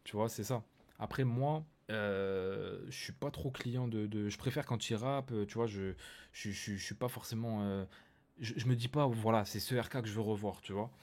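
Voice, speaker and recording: A man with a fairly low voice reacts to a new track, talking loosely with plenty of fillers and restarts. He gets excited and calls out to his viewers. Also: moderate pace. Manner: chatty, hesitant with fillers, hypes up viewers. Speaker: reaction video host. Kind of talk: casual reaction commentary.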